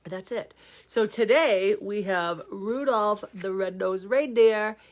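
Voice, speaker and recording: A woman's voice: medium pitch, slow. Storyteller host, middle-aged woman, nasal from the flu, bubbly, reads aloud for kids. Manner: chatty and bubbly, talking to kids. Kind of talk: reading a picture book aloud.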